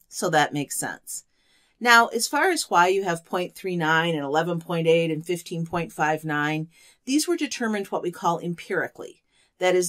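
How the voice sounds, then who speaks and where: A woman with a somewhat low voice lectures through an online programming lesson. She explains one step at a time and keeps asking the listener to think it through with her. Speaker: course instructor.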